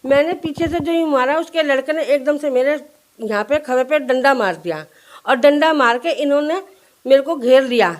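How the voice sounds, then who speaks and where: A woman with a notably high voice speaks in a news interview. She tells her account earnestly and in detail, slipping into the voices of the people she quotes. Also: moderate pace. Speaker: interviewee, shopkeeper. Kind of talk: recounting events in an interview.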